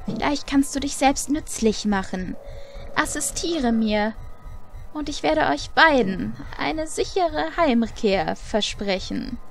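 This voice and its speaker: Woman voicing a slow, menacing shadow spirit. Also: on the high side. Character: sinister shadow spirit, female, possessive, cold and hungry.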